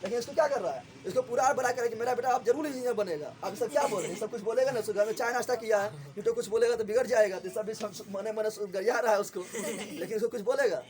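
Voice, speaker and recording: A man, teaching a story chapter to a class, often asking a quick question and answering it himself. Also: high-pitched, a crowd in the background.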